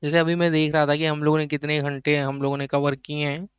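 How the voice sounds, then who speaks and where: A man's voice: on the high side, monotone, a little fast, clear, resonant tone, no room sound, highs cut off. A man teaching an accounting lecture in a chatty way, talking to students as kids and acting out their questions himself. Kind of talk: online lecture.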